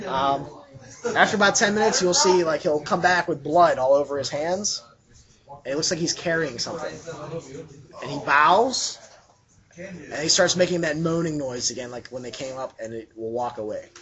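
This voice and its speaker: A man working as game master, improvising narration for a tabletop game in a casual, halting way as he searches for words. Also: on the high side. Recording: dull lo-fi sound, chatter behind.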